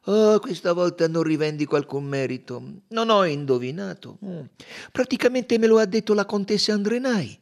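A man reading aloud and voicing a fussy, clever older detective who speaks softly and persuasively, with sly amusement. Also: sits high, expressive, moderate pace, vocal fry, voice pushed up. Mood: explaining.

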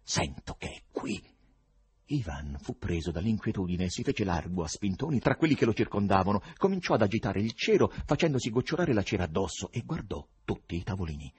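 Husky, low-voiced male narrator. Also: fast talker, hardly any pauses, dry recording. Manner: expressive, lively reading. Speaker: reader. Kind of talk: audiobook narration.

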